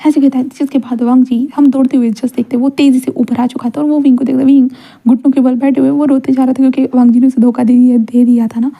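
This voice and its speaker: A woman's voice: high-pitched, flat delivery, quick pace, vocal fry, hardly any pauses, phone-quality sound. A woman storyteller casually narrating a story, retelling scenes loosely with fillers.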